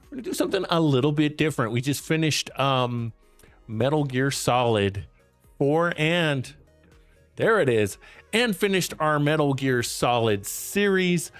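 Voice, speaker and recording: A man's voice: on the high side, lively intonation, measured pace, clean tone, no room sound, soft background music. A young man hosting a casual gaming stream, chatty and laid-back, talking while his voice is worn. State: losing his voice. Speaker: streamer host.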